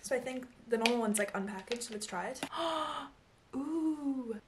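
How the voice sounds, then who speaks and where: A woman's voice: a little high, fairly even intonation, quick pace, slight background noise. A young South African woman vlogging in a bubbly, gushing way, talking to a small handheld camera. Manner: bubbly, gushing, lots of fillers. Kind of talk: casual chat to camera.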